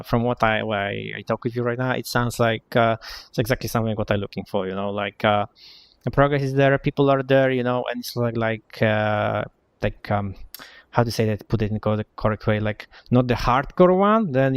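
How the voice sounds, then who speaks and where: A man chatting casually in a voice-call interview for a gaming guild, speaking haltingly with many fillers and restarts. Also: medium pitch, no echo. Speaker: guild applicant on voice chat.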